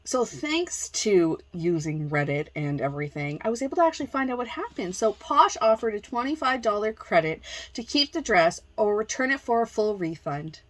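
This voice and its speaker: A woman's voice: medium pitch, animated, moderate pace. A woman reseller and channel host giving casual, sarcastic commentary with exasperated asides. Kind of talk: casual dramatic-reading commentary.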